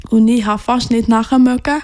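A woman from Ghana, as an interview guest, soft-spoken and hesitant, searching for her words. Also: fairly high pitch, fairly even intonation, normal speed. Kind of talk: reflective personal interview.

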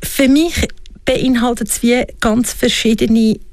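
A Swiss woman with a Swiss German accent is a guest in a reflective interview, often asking herself questions aloud. Her voice is a little high with a darkish tone and fairly even intonation, and she speaks slowly. The recording is dry.

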